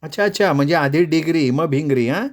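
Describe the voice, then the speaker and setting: A man reading a storybook voices a cheerful, teasing young woman in a higher, playful voice. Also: a little fast, natural voice.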